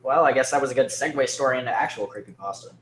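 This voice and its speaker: A man's voice: medium pitch, rapid-fire, echoey room, poor audio. A man hosting a livestream, talking casually with lots of fillers as he steers the show. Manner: chatty, filler-heavy host talk. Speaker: livestream host.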